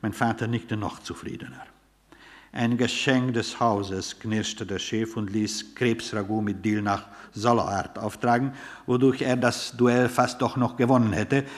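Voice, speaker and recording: A man reading a literary story aloud in a measured, wry storytelling manner. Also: lowish voice, steady tone. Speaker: narrator.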